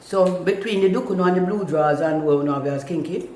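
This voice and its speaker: A man with a Jamaican accent judging food in casual chat, animated and teasing. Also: high voice, fairly quick. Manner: animated, teasing, breaks into laughs. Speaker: food judge. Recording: very echoey room with faint noise.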